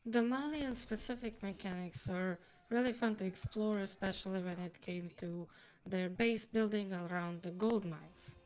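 A woman's voice: medium pitch, normal speed, a little mellow, poor audio. A woman speaking through a voice changer, giving a rambly personal game review in formal, wordy phrasing. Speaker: streamer and video reviewer.

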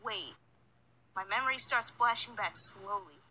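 Bright-voiced young woman storyteller, faint noise. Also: medium pitch, a little slow. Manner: animated, casual youthful delivery. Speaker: animated storyteller. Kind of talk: animated scripted storytime narration. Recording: noisy screen-recorded playback.

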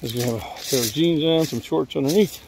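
An older man walking through woods, rambling in a relaxed way to a phone at arm's length. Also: fairly high pitch, fast, noisy background. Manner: rambling, relaxed, thinking aloud while hiking. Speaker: vlogger. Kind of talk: casual walking vlog. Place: outdoors in woods. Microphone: phone held at arm's length while walking.

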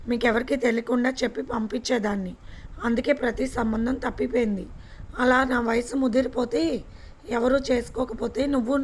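A woman's voice: fairly high pitch, lightly acted. A woman voicing a stubborn, lovesick young woman in a storybook reading, speaking insistently. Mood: pleading.

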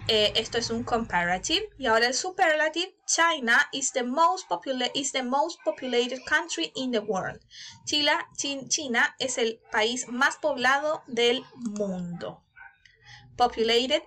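A woman's voice: sits high, bright, forceful tone. A woman with a Chilean Spanish accent teaching an English grammar lesson in a recorded online class, explaining step by step and checking in with her students often. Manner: explains slowly, checks in with "¿ya?" and "¿cierto?".

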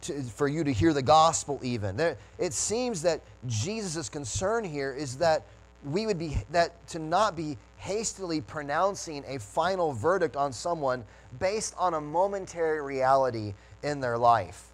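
Earnest preaching man, somewhat high voice. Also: lively intonation, measured pace, low-quality recording. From United States. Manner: earnest, restarts phrases while preaching. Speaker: pastor. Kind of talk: sermon.

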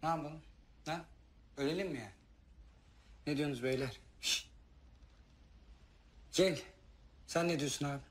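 An actor playing an anxious sailor who keeps begging his crewmates to calm down. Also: on the high side, normal speed, pauses often, natural voice. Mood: pleading. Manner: pleading, urging calm, bursts of shouting. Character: anxious peacemaking sailor, pleading then yelling. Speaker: crewmate trying to keep peace.

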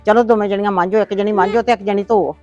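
A woman's voice: medium pitch, fairly even intonation, quick pace, muffled recording, soft background music, lightly acted. A woman playing a nagging old grandmother. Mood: scolding. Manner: complaining, lecturing, sharp-tongued. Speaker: grandmother in a family drama. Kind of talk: homemade family drama acting.

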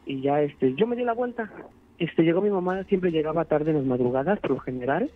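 A man, calling in to recount a frightening experience, rambling and filling pauses with "este". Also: a little high, lively intonation. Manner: rambling, many "este" fillers. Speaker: caller. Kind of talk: telling a true scary story. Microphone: phone line. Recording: tinny phone line.

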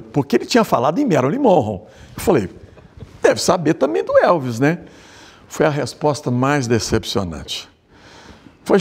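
A man interviewed for a documentary who recounts a personal memory with gentle humor. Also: medium pitch, breathy edge.

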